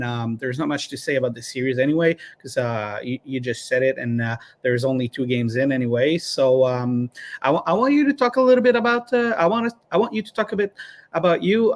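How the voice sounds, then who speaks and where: A man hosting a live online interview, halting with many fillers and restarts. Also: a little high. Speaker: interviewer host.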